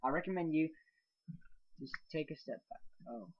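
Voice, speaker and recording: A man hosting a casual let's play, excitable, swearing and yelping when startled. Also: on the high side, moderate pace. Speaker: gaming channel host. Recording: dull lo-fi mic.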